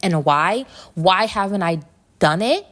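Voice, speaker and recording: A woman's voice: lowish voice, animated, unhurried, a bit bright. A woman hosting a casual, reflective solo podcast, speaking candidly and conversationally, with slightly muffled articulation from braces. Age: adult. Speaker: podcast host.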